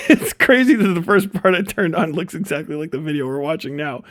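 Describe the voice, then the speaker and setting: This livestream host is a man with a slightly high, expressive voice, a brisk pace and a fairly bright tone. He reacts to videos off the cuff in casual, unscripted commentary, rambling and swearing often.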